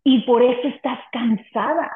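A woman's voice: fairly high pitch, fairly even intonation, normal speed. A woman guest giving an earnest, emotional personal testimony of faith in an interview. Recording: echoey room on a tinny phone-like line.

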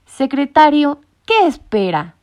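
A woman's voice: sits high, big pitch swings, slow pace, darkish tone, pitched above the performer's own voice, heavily acted. A woman voicing a pompous male cat leader who gives orders in a formal, bossy way. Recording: muffled lo-fi recording.

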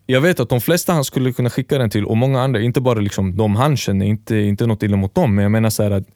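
A man's voice: medium pitch, darkish tone, no echo, clean studio sound. A man co-hosting a podcast, casually telling a long story and acting out both sides of the dialogue. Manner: rambling storyteller, acts out quoted dialogue. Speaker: podcast co-host. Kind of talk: casual chat.

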